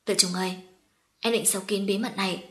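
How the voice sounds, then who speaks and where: A woman reading the lines of a gravely ill young woman who pleads urgently and faintly. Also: medium pitch, fairly even intonation, brisk, sharp tone. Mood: weak pleading.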